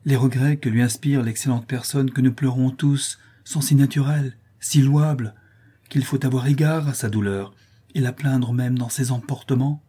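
A man reading the part of a hypocritical governess, speaking in a slow, sugary tone. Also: medium pitch, steady tone, husky, lightly acted. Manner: sugary, slow, falsely gentle. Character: honeyed, hypocritical middle-aged governess woman.

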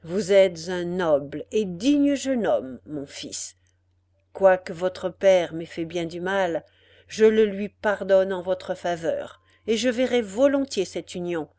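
Old nobleman prisoner, grave and weary, storybook reading by a woman, slow, dry sound. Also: on the low side, animated, mellow, dry recording.

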